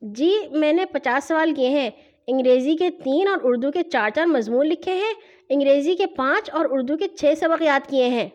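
A woman voicing a nervous young schoolboy who stammers out hurried excuses in a children's story. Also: high-pitched, lively intonation, a little mellow, voice pushed up. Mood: reciting. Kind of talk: storybook reading.

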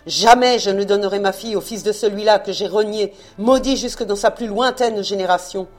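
A woman reading aloud, playing an old Breton fisherman father who is stubborn and shouts and stammers in rage, over faint music. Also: deep voice, animated, a little slow, voice pushed down. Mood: furious.

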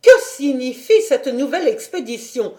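A strict governess scolds in high, loud, indignant bursts, as a woman reading the audiobook puts her on. Her questions come sharp and pressing, pitched well above the reader's own voice. The storybook tone stays stern throughout. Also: expressive, normal speed. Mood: indignant scolding. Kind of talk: audiobook character voice.

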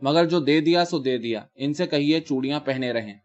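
A man's voice: lo-fi sound, natural voice. A man voicing an exasperated husband who gives his wife curt, commanding orders in a short story reading. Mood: stern. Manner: curt, commanding, then low and steady.

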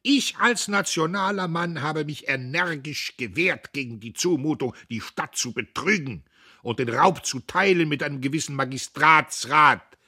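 A man's voice: on the high side, lively intonation, moderate pace, bright, forceful tone, breathy edge, pitched above the performer's own voice, heavily acted. A man voicing a bullying, cowardly man who bellows at a crowd like a barker, in a read-aloud novel. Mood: bellowing. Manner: bellowing, boastful.

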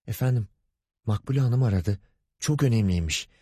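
A man's voice: lowish voice, animated, moderate pace, dark tone, slightly rough, no echo, clean studio sound, voice pushed up. A man voicing a timid, nervous young female secretary in an audiobook, flustered and eager to please. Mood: nervous deferential.

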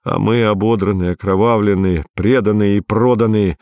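A man reading literary prose aloud as an audiobook narrator, in a measured, grave manner. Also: lowish voice, steady tone, a little mellow, clear, resonant tone, no room sound.

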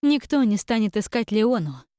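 A woman voicing a tender mother who gently and firmly comforts her frightened daughter. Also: fairly high pitch, sing-song, normal speed, clear, resonant tone, no echo, studio quality, voice pushed up. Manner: soft, soothing, quietly firm.

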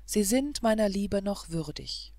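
A woman reading the part of a kind, motherly guardian fairy spirit in a fairy-tale audiobook, speaking solemnly and gently. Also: mid-range voice, lively intonation, unhurried, no room sound.

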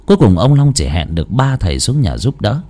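A man narrating a ghost story in a measured, dramatic way. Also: lowish voice, sing-song, warm tone. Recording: faint background music.

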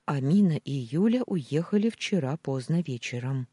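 A man's voice: a little high, lively intonation, moderate pace, warm tone, husky, no echo, studio quality. A man voicing a flustered male doctor who answers hesitantly, stammering, in an audiobook.

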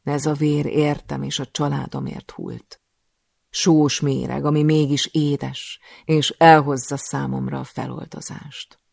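Guy narrating a thriller audiobook, super gravelly voice, tense delivery. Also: a little high, little pitch movement, a little mellow, no room sound, studio quality. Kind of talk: first-person audiobook narration.

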